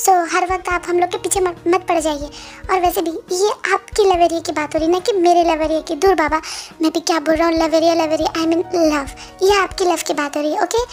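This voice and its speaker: A woman's voice: very high-pitched, steady tone, a little fast, faint music behind. A woman voicing a cheeky teenage younger brother who whines and pleads, in a fan-dub drama. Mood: whining. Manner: pleading, playful, complaining.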